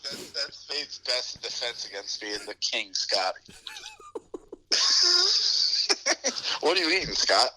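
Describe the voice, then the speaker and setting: A man's voice: medium pitch, expressive, slow pace, long pauses, very noisy. A man calling into a podcast by phone, teasing and needling his friend in casual chat. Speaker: caller on the podcast. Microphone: phone call.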